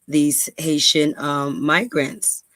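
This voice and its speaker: Slow and low-pitched with a slightly bright tone, a dry-voiced woman from New York, USA, offers casual commentary and reads aloud on her podcast. Intonation stays fairly even and there's no echo; she chats easily, ums often, and picks up speed on key points.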